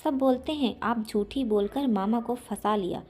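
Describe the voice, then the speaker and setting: A woman's voice: fairly high pitch, moderate pace, a little mellow, slightly rough. A woman voicing an insolent young boy who talks back to his elders, in a spoken storybook. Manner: insolent, accusing.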